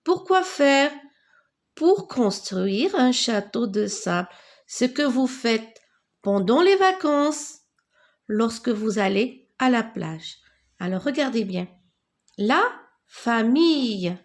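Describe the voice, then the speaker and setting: A woman teaching a beginners' French reading lesson, spelling out sounds and repeating words slowly for learners. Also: on the high side, very animated. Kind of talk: slow classroom reading lesson.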